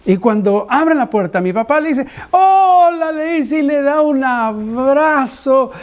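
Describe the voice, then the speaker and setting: A man preaching a sermon, a pastor who tells a personal story with lively acted-out dialogue and frequent restarts. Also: extremely high pitch, unhurried.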